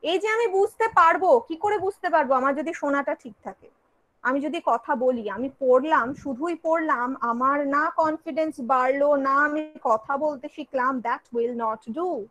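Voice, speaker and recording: A woman college teacher with a Bengali accent lectures at an unhurried pace, moving back and forth between Bengali and English. Her voice sits high, and she asks her students questions only to answer them herself, like a patient tutor. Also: fairly bright tone, rough recording. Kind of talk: online class lecture.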